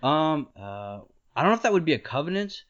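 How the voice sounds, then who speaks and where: This podcast host's voice sits on the high side, sing-song and a bit bright, moving a little fast. He chats casually through ideas, sprinkling in "like" and "right?" and laughing readily, all captured in dull lo-fi sound.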